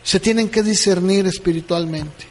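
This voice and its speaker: Man, pastor preaching, high voice, echoing church hall. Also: moderate pace. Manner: asks the congregation questions, acts out dialogues. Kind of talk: sermon.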